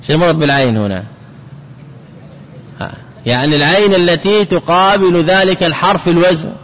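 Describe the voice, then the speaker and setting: A man teaching grammar in a fairly high voice, drawing out and repeating example words, then posing questions and answering them himself. The recording sounds muffled, with a long reverb trailing off each phrase. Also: a bit bright. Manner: explains slowly, repeating example words and asking rhetorical questions. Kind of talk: classical grammar lesson. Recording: dull audio with long hall reverb.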